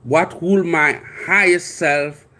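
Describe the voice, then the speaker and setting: Speaking slowly, he has a slightly high voice that stays steady and sounds sharp. He's a life coach in his fifties from Haiti whose first language is Haitian Creole, and his Haitian-accented personal story wanders earnestly with frequent restarts.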